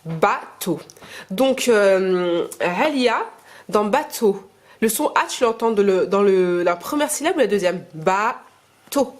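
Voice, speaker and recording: A woman homeschooling her young children, talking to camera in a halting way and explaining lessons patiently. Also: medium pitch, expressive. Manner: patient, gentle teaching, slow explanations; hesitant, halting speech to camera. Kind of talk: casual home-schooling vlog and lesson.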